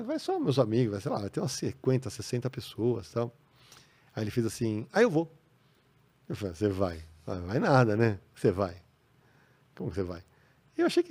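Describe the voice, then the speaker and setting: Brief: Brazilian man, guest on a studio podcast, gravelly mid voice, lively storyteller who acts out the people he quotes. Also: medium pitch. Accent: Brazilian Portuguese. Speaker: podcast guest, comics writer. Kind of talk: casual storytelling.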